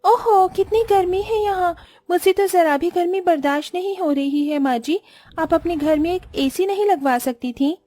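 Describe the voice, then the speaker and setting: A woman voicing a selfish, spoiled rich young wife who talks in a shrill, demanding way in a cartoon. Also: normal speed, mellow, no echo.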